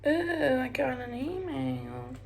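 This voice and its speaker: With music playing behind her, a young Australian woman talks through her hair and makeup routine at home, chatty and rambling, breaking into snatches of song and occasional whispers. Her voice is high and gravelly, and she takes her time speaking.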